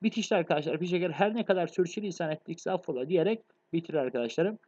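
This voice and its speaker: A man teaches a fast-paced exam review lecture on literature, speaking to his students directly as friends and frequently checking that they follow. His voice is on the high side with a darkish tone, and the audio is dull.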